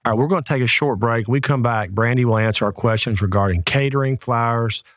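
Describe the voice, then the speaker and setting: A man's voice: mid-range voice, quick pace, a bit bright, no room sound. A man co-hosting a talk show, asking straightforward questions and announcing breaks. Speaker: co-host.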